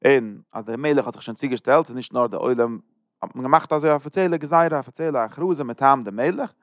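Male teacher, mid-pitched, dry sound. Steady verse-by-verse explanation with lots of rephrasing. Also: fast talker, no room sound. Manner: explains each verse, repeats and rephrases terms. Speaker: Bible teacher. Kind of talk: verse-by-verse scripture lesson.

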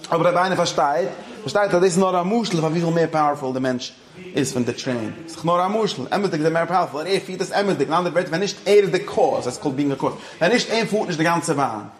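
Talking fast in a fairly high voice, a man gives an informal religious lecture as a religious teacher, shifting back and forth between English and Yiddish. He frequently makes sure his audience is keeping up, and the sound is roomy.

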